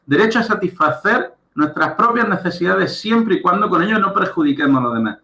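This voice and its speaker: A man's voice: high voice, animated, a little fast, bright, forceful tone. Spanish-man lecturing in an echoey room. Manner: explanatory, checks understanding with frequent "¿de acuerdo?" and "¿vale?". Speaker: lecturer and professional coach. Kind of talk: recorded online lecture.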